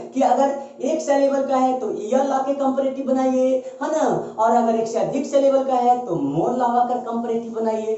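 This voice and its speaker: A man's voice: very high voice, dark tone. A male teacher giving a grammar lesson, explaining emphatically and repeating key points with tag questions. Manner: repetitive, emphatic explaining with frequent "है ना" tags. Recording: echoey room, distant dull mic.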